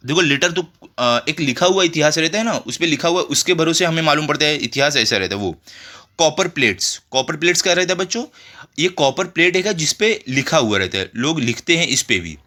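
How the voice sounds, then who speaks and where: This Indian man, a school tutor, has a slightly high, bright and forceful voice with an animated, somewhat quick delivery. He is teaching children a school lesson, reading from the textbook and translating it, and he keeps the explanation instructive with frequent rhetorical questions and check phrases.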